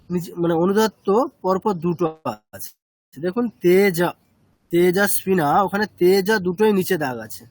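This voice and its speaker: A man's voice: high voice, dry recording. A man teaching a chanting class, explaining step by step and checking with short questions.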